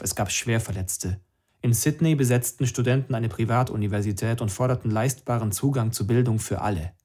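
A man reading a first-person novel aloud in a calm, even storytelling voice. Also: medium pitch. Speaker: narrator. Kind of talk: audiobook narration.

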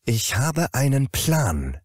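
An anxious male smart fridge from a spoken story talks urgently and earnestly, its voice lifted slightly above the reader's own, as a man puts it on. The tone stays dark and lively in melody. The sound is close and dry. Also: medium pitch, takes it slowly, slightly rough, no echo, pitched above the performer's own voice, full character voice. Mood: determined.

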